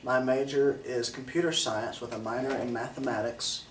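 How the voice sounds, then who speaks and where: A man's voice: mid-range voice, steady tone, moderate pace, a bit bright, slight background noise. A twenty-one-year-old man, a computer science student, talking enthusiastically in an interview, recorded by a camera across a small room. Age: young adult. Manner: upbeat, enthusiastic. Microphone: camera mic at a distance. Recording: echoey room, distant mic.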